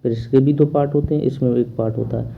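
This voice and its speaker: Gravelly male math teacher drilling students. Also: medium pitch, fairly even intonation, quick pace, dull audio. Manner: repetitive question-and-answer drilling. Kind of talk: online class lecture.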